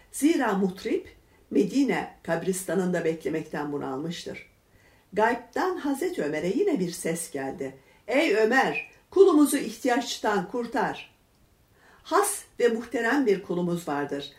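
A woman narrates a religious tale at a measured pace, and her pitch rises and falls with expression. Her voice has a middle pitch. The recording carries a roomy echo. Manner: measured, expressive reading with verse numbers read aloud. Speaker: reader. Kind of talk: narrated religious storybook reading. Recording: echoey room.

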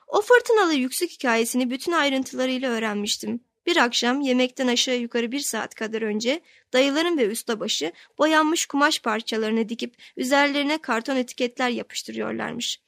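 A woman reads a novel aloud in the first person, keeping a steady storytelling pace. Her voice sits on the higher side and the recording is dry and close. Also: normal speed, gravelly, hardly any pauses, no echo. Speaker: audiobook narrator. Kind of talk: scripted narration of a novel.

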